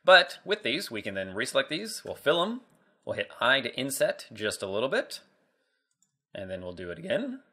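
A man's voice: medium pitch, wildly swooping pitch, normal speed, pushed and bright. A man walking through a 3D modeling screencast tutorial in a casual way, thinking aloud as he works. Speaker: 3D modeling instructor.

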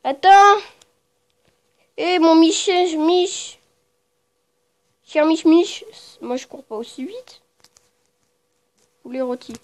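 Woman gamer, high pitch, casual play-by-play, murmurs then sudden startled cries, cusses freely. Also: slow pace, long pauses. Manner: muttering low, then bursting into startled shrieks and swearing; chatty with viewers, talks to the game creatures. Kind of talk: casual game commentary.

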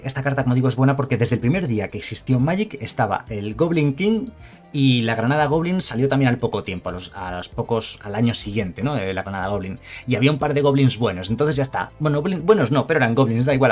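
A man talks through a card game on a casual live stream, his voice at an ordinary middle pitch. He rambles in a chatty way, wanders into asides and corrects himself often. Faint music plays quietly behind him.

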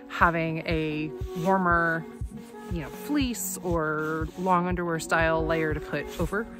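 Young woman, slightly low voice, easygoing practical explainer outdoors, music bed. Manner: friendly, practical, conversational advice. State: a little out of breath from hiking. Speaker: outdoor vlogger. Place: outdoors on a snowy trail. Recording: music playing underneath.

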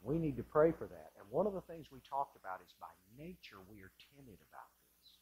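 A male pastor delivering an impassioned sermon in a church sanctuary, moving between loud bursts and hushed lines. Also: mid-range voice, very animated, brisk, breathy edge.

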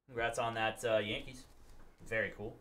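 A man's voice: medium pitch, steady tone, normal speed, a bit bright, a little hiss or hum. A man in his thirties hosting a live card break in a studio, reading out cards and thanking buyers by name.

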